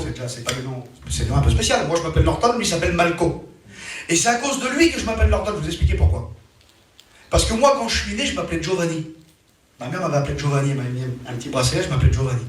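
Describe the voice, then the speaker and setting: A man with a high voice delivers a storytelling sermon, his pitch swinging up and down as he goes. He sounds distant from the microphone, and a strong echo from the hall surrounds every word. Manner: animated storytelling, voice rising and falling. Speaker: preacher. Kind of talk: testimony sermon. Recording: very echoey room, from far off.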